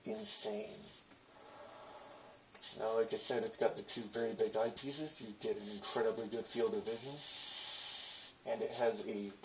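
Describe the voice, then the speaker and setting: A man speaks through a gas mask, his low voice muffled and held on a flat, even line. He sounds set back from the microphone, with a faint hum of room noise underneath. He talks casually and eagerly, with plenty of fillers, like a collector showing off his gear. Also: normal speed, long pauses, distant mic. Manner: enthusiastic, rambling with fillers. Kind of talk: casual product review.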